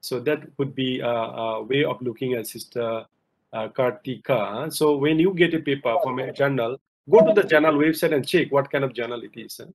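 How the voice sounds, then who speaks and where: A man's voice: mid-range voice, moderate pace, gravelly, low-quality recording. Man, professor explaining on a video call. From Malaysia. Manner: explanatory, frequent fillers. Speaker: professor answering questions in an online session. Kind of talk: online Q&A lecture.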